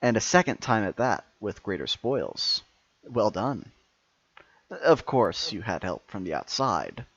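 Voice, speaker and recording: A smug, devout high priest of evil , acted out by a male game master delivers a grand villain monologue at the gaming table. His formal, commanding voice sits fairly low. The recording is slightly dull. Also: sing-song, a little slow, a bit bright, slightly rough, full character voice. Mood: smug, congratulatory. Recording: muffled, echoey room.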